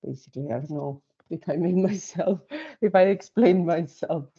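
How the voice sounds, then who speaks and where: A woman's voice: lowish voice, normal speed, warm tone, breathy edge. A woman in the audience asking a question at a talk, hesitant and full of fillers. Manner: hesitant, lots of fillers and hedging. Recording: dull, slightly lo-fi talk recording.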